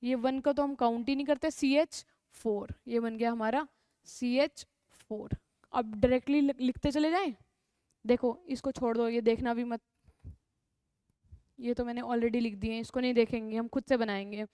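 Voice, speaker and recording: A woman's voice: fairly high pitch, steady tone, moderate pace, warm tone, smooth, no room sound. A young woman with a North Indian accent teaching a chemistry class, repeating key terms and answering her own questions. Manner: calls students "beta", coaxing. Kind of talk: classroom lecture.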